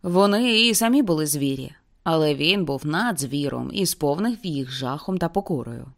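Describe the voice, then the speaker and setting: A woman's voice: low-pitched, lively intonation. Woman narrating a dramatic audiobook. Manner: intense, slows for grim moments. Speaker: audiobook reader.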